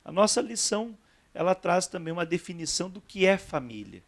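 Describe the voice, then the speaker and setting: A Brazilian pastor hosts a church television talk program with a gravelly edge to his voice. He speaks in a somewhat high register and keeps things conversational, tagging his sentences with little checks to his listeners. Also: big pitch swings, brisk. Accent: Brazilian Portuguese. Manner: conversational, frequent "né" tags, guiding questions. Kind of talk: church TV talk show interview.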